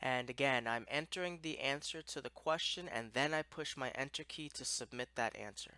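Male instructor for a step-by-step walkthrough: plain-spoken, crisp bright tone, close dry sound. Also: medium pitch, normal speed, no room sound. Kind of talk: explanatory software walkthrough.

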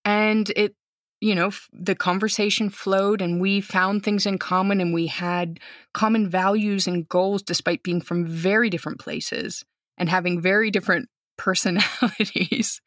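This dry, clean studio recording captures a mid-range female voice. The speaker, a thirties-aged teacher from the United States, is an outgoing guest spinning a conversational story and animatedly performing the characters' lines.

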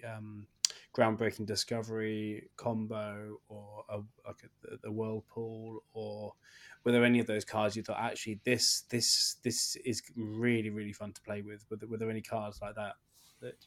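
Casting: male interviewer, fairly low register, informal, stop-start questioning. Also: completely flat delivery, fairly bright tone. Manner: halting, repeats phrases as he asks. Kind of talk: casual interview.

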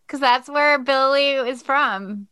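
A woman's voice: sits high, pushed and bright. A woman co-hosting a casual podcast chat, guessing playfully and filling her talk with "like". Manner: chatty, lots of "like", playful guessing. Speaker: podcast co-host.

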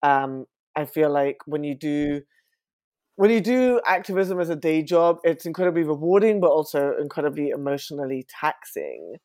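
A young man from West London, chatting as an interview guest with frequent fillers and an animated manner. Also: a little high, normal speed, dry recording. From West London, England. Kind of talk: casual interview talk.

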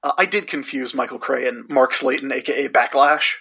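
A man's voice: mid-range voice, fairly even intonation, a little fast, vocal fry, sharp tone, husky. A man with a Southern accent, co-hosting a casual comic book podcast chat, laid-back, laughing often and swearing casually. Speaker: podcast co-host.

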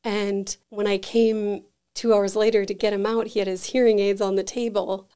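A podcast guest who operates an energy healing center spins animated, conversational stories, her talk full of "like." She speaks at normal speed in a clear, resonant, mid-range voice.

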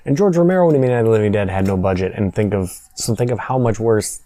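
A man's voice: on the low side, lively intonation, fast talker, mellow. A man co-hosting a podcast, recapping a horror movie in casual chat with a wry tone and frequent laughs. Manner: wry, laughs often while recapping scenes. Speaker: podcast co-host.

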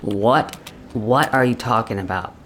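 A man's voice: on the low side, unhurried, a bit bright, a little hiss or hum. A man playing a baffled male coworker who stammers awkwardly and humors a colleague. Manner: awkward, stammering, laughing along.

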